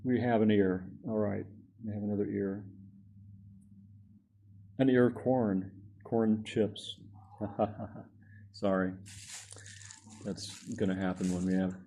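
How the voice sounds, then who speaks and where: Deep gravelly man narrating a craft. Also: fairly even intonation, slow, long pauses, dark tone. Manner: rambling, self-correcting, chuckles at own jokes. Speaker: craft vlogger. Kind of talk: casual how-to narration while crafting.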